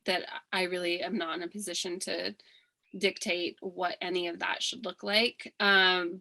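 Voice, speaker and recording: A woman from Hawaii running for office, answering forum questions earnestly, with many pauses, fillers and restarts. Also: lowish voice, sharp tone, low-quality recording. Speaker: political candidate. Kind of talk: candidate forum interview answers.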